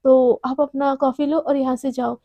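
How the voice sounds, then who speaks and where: A woman's voice: sits high, little pitch movement, moderate pace, no room sound, lo-fi sound. A woman playing a snappish young office worker. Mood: angry. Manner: snappish, scolding.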